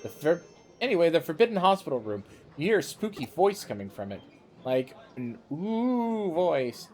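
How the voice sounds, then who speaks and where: A man's voice: on the high side, big pitch swings, brisk, darkish tone, faint music behind. A man streaming a video game live, reading the dialogue aloud and joking about it. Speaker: let's-play streamer.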